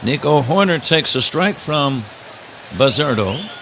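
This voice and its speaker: A man calls a baseball game live on radio as the play-by-play announcer, his slightly high voice moving slowly. Steady outdoor ballpark ambience runs behind him, adding background noise.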